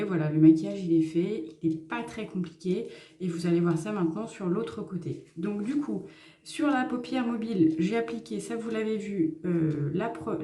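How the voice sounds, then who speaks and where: A woman's voice: medium pitch, mellow, echoey room. A woman talking through a makeup tutorial in a casual, hesitant way with many fillers. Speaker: makeup vlogger.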